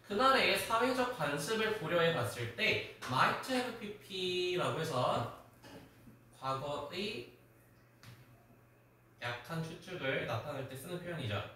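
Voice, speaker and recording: Lively male teacher in an echoey classroom. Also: a little high, slow pace, distant mic, a little hiss or hum. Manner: animated, quizzing students by name, sometimes scolding. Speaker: high school English teacher. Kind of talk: classroom lecture.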